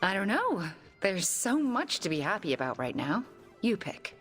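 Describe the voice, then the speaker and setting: A woman's voice: medium pitch, very animated, moderate pace, soft background music, lightly acted. An actress playing a sardonic, self-doubting witch in a video game. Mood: wry. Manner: sardonic, blunt. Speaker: game character. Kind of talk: video game cutscene acting.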